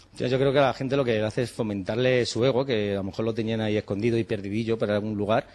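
A Spanish man in his forties, a chef and cooking teacher, talks casually and animatedly in an interview. His voice is on the low side and darkish, with fairly even intonation and a fast pace. He acts out bits of dialogue and swears in passing.

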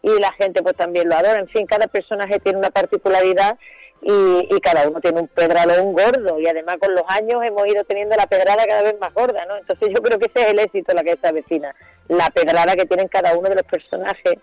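A middle-aged woman from Seville with an Andalusian accent, an actress chatting as a guest in a lively, colloquial way, laughing often. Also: mid-range voice, fast, dry recording, soft background music, poor audio. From Seville, Spain. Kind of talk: casual chat.

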